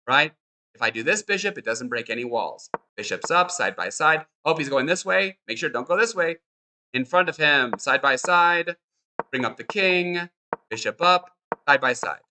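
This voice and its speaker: A man's voice: medium pitch, sharp tone. A man teaching a chess lesson, upbeat and encouraging, repeating short cues as he demonstrates moves on the board.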